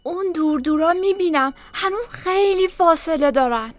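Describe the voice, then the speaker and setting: A woman's voice: very high voice, voice pushed up. A woman voicing a young sister keeping watch from a tower in a storybook, calling down her reports. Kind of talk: storybook reading.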